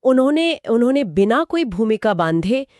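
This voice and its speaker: A woman's voice: fairly high pitch, very animated, normal speed, a little mellow, dry recording, studio quality. A woman co-hosting a conversational retelling of scripture, asking prompting questions and summarizing. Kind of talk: conversational storytelling discussion.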